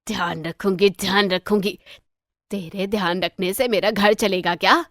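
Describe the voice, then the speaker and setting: A woman voicing a sharp-tongued, middle-aged mother-in-law in a cartoon story, scolding and taunting. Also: medium pitch, moderate pace, dry recording, clean studio sound, close to an everyday voice. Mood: angry. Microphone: dry close voice-over.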